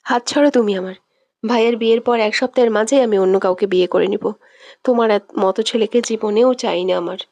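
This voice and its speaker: A woman's voice: mid-range voice, a little fast, a little mellow, no room sound, dull audio, natural voice. A woman reading a tearful jealous young woman, sobbing accusations, romantic audio story, dry sound. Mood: angry, sulky. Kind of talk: scripted audio drama reading.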